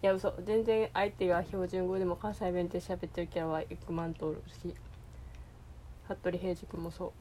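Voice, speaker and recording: A woman's voice: lowish voice, little pitch movement, moderate pace, dark tone, slight background noise. A woman with an Osaka Kansai accent, chatting alone in a rambling, hesitant way, full of fillers and restarts. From Osaka, Japan. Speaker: podcast host. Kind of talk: casual solo chat.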